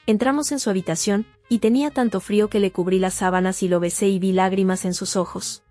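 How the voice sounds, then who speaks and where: A woman narrates a personal testimony in first person, her delivery steady and sober. Her voice sits at an ordinary middle pitch with a soft, mellow warmth. A faint plucked guitar plays underneath. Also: brisk. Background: faint guitar music.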